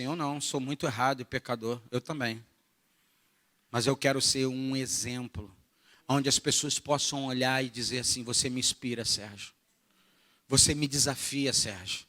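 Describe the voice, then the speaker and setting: A man from Brazil with a Rio de Janeiro accent preaching a sermon at a church retreat, animated and jokey, moving from soft asides to shouted bursts. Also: mid-range voice. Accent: Rio de Janeiro Portuguese. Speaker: pastor.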